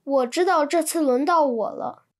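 A woman reading translated textbook sentences in an even, clear manner. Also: sits high, normal speed. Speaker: Chinese translation reader.

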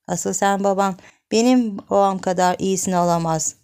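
A woman voicing a stubborn seven-year-old girl who brags back in a high voice. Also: steady tone, normal speed, a little mellow, clean tone, close to an everyday voice. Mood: boastful. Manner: bragging back.

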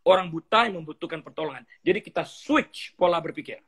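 Husky-voiced man, animated storytelling pastor. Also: a little high, fast talker. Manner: animated storyteller, acts out dialogues, mixes in English phrases. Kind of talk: conversational teaching interview.

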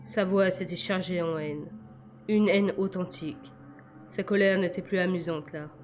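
A woman reads a novel aloud in a measured, quiet first-person narration. Her voice sits on the low side for a woman. Soft music plays faintly in the background. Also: steady tone. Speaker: audiobook reader.

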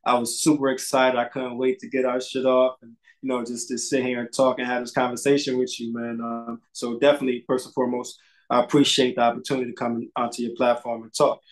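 A man in his thirties from Bridgeport, Connecticut, a barber appearing as a podcast guest, chats loosely over a video call from inside his small barbershop. His mid-range voice is fast with little pitch movement, and he swears casually and repeats words. The audio quality is poor.

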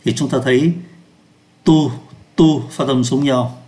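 A man teaching French pronunciation in Vietnamese, slowing down to sound out French words. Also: mid-range voice, steady tone, warm tone. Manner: slows down to pronounce French words. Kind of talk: lesson explaining pronunciation.

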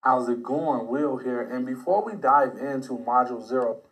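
A man's voice: mid-range voice, normal speed, a bit bright. A man greeting viewers at the start of his course, played back in a muffled recording that sounds underwater. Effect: muffled underwater-sounding playback. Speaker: course instructor. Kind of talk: scripted course intro.

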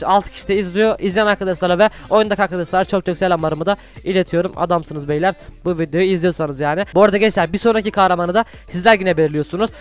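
A young man doing gameplay commentary, chatting with viewers and shouting excitedly during fights. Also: high-pitched, clean tone. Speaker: gaming YouTuber.

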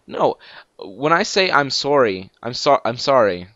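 A teenage boy hosting a casual game let's play, rambling and excitable with lots of fillers and restarts. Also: medium pitch, unhurried, dry recording. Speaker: gaming channel host. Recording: dull lo-fi dry mic.

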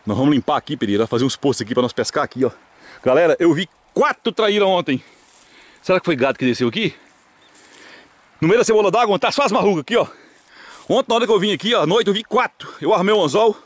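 Filming from behind a handheld camera on an open hillside pasture by some ponds, a vlog host with a Brazilian caipira country accent delivers casual, excited fishing commentary. His voice is high-pitched and quick, with no room sound, and he comes across as animated, jokey and full of exclamations.

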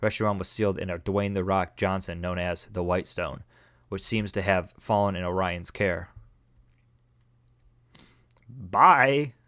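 A smug, measured cult villain, read by a man in a fan-made monster-collecting game, talking down to a kid in a low voice. He explains his plans slowly and with condescension. The sound is close and dry. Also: level tone, smooth, dry recording, natural voice. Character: calm smug adult male cultist villain.

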